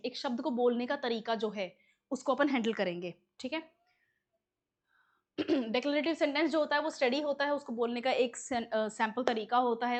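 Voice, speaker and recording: A woman gives an exam-prep English lesson, her voice a little higher than most. She explains things patiently, one step at a time, and keeps checking that her students follow. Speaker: English teacher.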